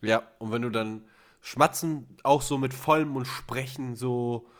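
A man's voice: medium pitch, unhurried, fairly bright tone. A man co-hosting a podcast in casual chat, talking thoughtfully and searching for his words. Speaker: podcast co-host.

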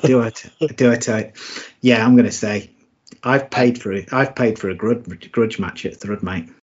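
Brief: middle-aged co-host, lowish voice, friendly matey banter, muffled recording. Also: male voice, normal speed. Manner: friendly, says "mate" a lot. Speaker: podcast co-host. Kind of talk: casual chat. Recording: dull lo-fi sound.

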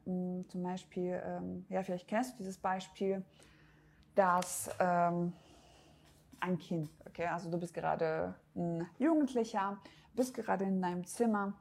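Woman, podcast host, motivational talk, gravelly voice, direct coaching manner. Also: fairly low pitch, little pitch movement, unhurried, darkish tone. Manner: direct, coaching, addresses the listener as du; frequent hesitation fillers. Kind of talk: motivational self-help talk.

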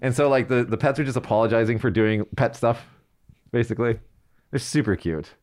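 A hungover man chats as a talk show co-host. He tells stories loosely and with a joking streak, often circling back as he looks for the right word. His pitch sits in an ordinary middle range for a man. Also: a little fast, darkish tone. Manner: rambling, searches for words, jokey. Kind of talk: casual chat, storytelling.

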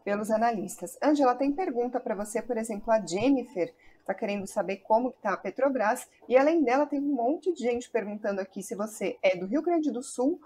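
A woman's voice: on the high side, animated, brisk, few pauses, mellow, a little hiss or hum. A woman hosting a live stream, friendly, pointing viewers to the site and passing on their questions. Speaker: host.

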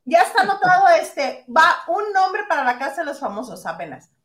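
Very high, lively woman co-host. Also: fairly quick, a loud crowd. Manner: expressive, reads out donations. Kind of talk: casual gossip chat.

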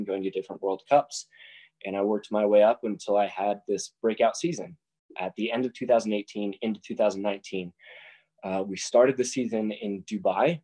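A young man, a para snowboarder, telling his own story in a casual, lively way and acting out what people said. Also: fairly low pitch, poor audio. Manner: casual, animated retelling with voiced quotes. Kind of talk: personal storytelling talk.

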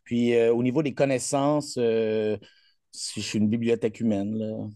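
Brief: rambling, boastful Québécois coach, mellow tone, dry sound. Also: male voice, medium pitch, little pitch movement, normal speed, no echo. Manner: boastful, rambling, heavy on fillers. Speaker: coach being interviewed. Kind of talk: casual interview chat.

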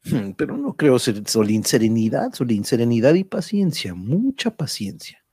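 An actor playing a calm adventure hero in a radio drama, speaking in a measured, reassuring way. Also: male voice, mid-range voice, breathy edge, no echo, studio quality. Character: calm, stoic adventure hero counselling patience.

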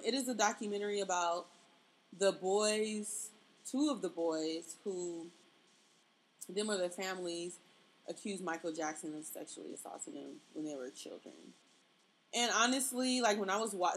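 A woman's voice: lowish voice, slight background noise, rough recording. A woman hosting a podcast in a casual, chatty style. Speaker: podcast host. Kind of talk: casual chat.

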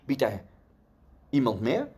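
A man's voice: medium pitch, huge pitch swings, slow pace, dark tone, pitched below the performer's own voice. A man voicing a stubborn auctioneer who keeps insistently calling for bids. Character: stubborn persistent male auctioneer.

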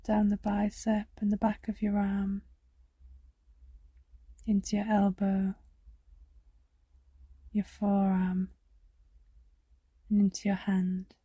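A woman leads a relaxing body scan in an unhurried, level voice, soft and slightly breathy. Her tone is mellow and calm, and she often sinks to a whisper. The sound is close and dry. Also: mid-range voice, no room sound. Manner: slow, soft, soothing, drifting into whispers. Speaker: meditation guide. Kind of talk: guided body scan meditation.

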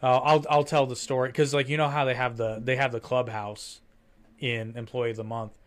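A man's voice: mid-range voice, level tone, moderate pace. A man co-hosting a podcast, chatting casually and rambling into profane stories. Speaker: podcast co-host. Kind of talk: casual chat.

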